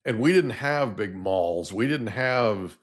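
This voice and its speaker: A middle-aged man from Oklahoma in the United States hosts an interview podcast, his lowish voice animated but slow. He chats in a casual, folksy way and drifts into anecdotes.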